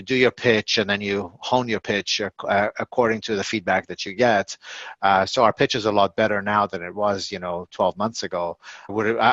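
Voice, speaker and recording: A man in his fifties, an executive answering interview questions in a halting, casual way, full of fillers and restarts. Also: fairly low pitch, a bit bright, no room sound. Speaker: tech company executive guest. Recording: dull, lo-fi and dry.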